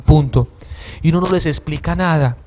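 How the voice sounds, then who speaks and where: High-voiced earnest Colombian man preaching. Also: moderate pace, warm tone. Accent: Colombian Caribbean. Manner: earnest, repeats words and stumbles often. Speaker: lay preacher.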